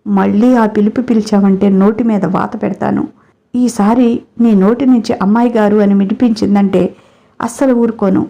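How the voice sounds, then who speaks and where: Woman doing a hurt, sharp-tongued young bride in a read-aloud story, mellow timbre. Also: mid-range voice, steady tone, moderate pace, lo-fi sound, lightly acted. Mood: angry. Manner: emotional, scolding. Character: young wife, landlord's daughter, hurt and fiery. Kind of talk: storybook character reading.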